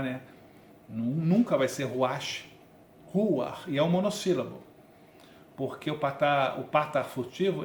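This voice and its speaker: A man's voice: on the high side, a little hiss or hum. Man, Brazilian Portuguese accent, grammar teacher, chatty explanations, echoey room recording. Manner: explanatory, conversational, frequent "né?" and "tá?" checks. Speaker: Biblical Hebrew teacher. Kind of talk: recorded online lesson. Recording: echoey room with faint ambience.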